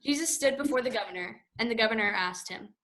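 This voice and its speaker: A woman narrating scripture in a church with a steady, careful reading. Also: fairly high pitch, fast talker, a little hiss or hum, rough recording.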